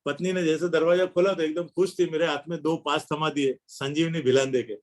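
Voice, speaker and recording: A man's voice: on the high side, flat delivery, brisk. A middle-aged man telling anecdotes as a guest speaker at a club meeting, acting out dialogue as he goes. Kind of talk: anecdotal speech. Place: meeting hall.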